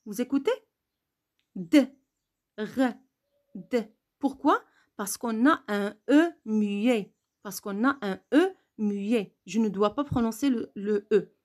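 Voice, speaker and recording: A woman with a somewhat high voice gives a grammar lesson. She talks at an unhurried, deliberate pace and says sounds and words twice so learners can follow. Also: a little mellow. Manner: slow, repeats words and letters to stress pronunciation. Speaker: French teacher.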